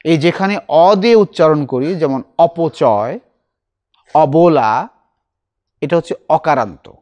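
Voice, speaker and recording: A middle-aged man teaching a recitation class, explaining slowly and asking his students questions. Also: fairly high pitch, lively intonation, a little mellow.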